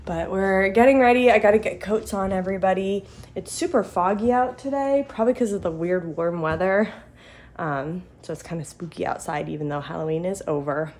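An American mom vlogger in her thirties chats casually into a handheld phone camera, speaking briskly in a medium-pitched, darkish voice. She starts indoors at home and then moves out to the yard and driveway, with clearly noisy background sound.

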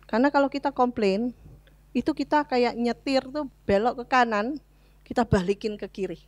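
A woman's voice: a little high, moderate pace, no echo. A middle-aged woman, preaching a conversational sermon in church and mixing in English phrases. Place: church hall.

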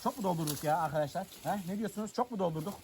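A man's voice: sits high, very fast, a little mellow, a little hiss or hum. A man vlogging outdoors in the countryside, chatting and joking with viewers while he lights a fire. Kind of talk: casual chat to camera. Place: outdoors in rural nature.

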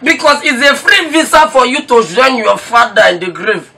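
A loud taunting village drunk. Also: male voice, extremely high pitch, expressive, moderate pace, husky, full character voice. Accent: Nigerian. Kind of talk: film acting. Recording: music playing behind.

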